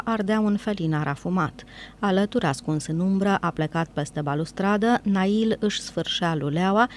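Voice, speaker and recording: A woman with a fairly low voice reads a novel aloud, calm and measured. A faint low rumble runs under the recording. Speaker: audiobook reader. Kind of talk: scripted narration.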